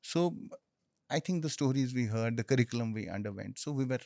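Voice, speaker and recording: Male, Indian accent, native Hindi speaker, explanatory conversational storyteller, halting phrasing, dry studio-like sound. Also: medium pitch, animated, vocal fry, darkish tone, no room sound. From Jammu and Kashmir, India. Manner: explanatory, pauses mid-phrase, often says "you know". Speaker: interview guest, military officer.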